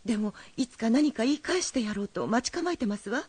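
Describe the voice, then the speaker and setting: A woman voicing a fretful, formal mother in a drama, polite on the surface and pressing underneath. Her voice is slightly high and a little breathy, and the sound is dry and close. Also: animated, a little fast, a little mellow, dry recording. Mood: insistent. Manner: polite, formal speech turning insistent. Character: anxious, proper mother fretting over her son. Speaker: worried mother.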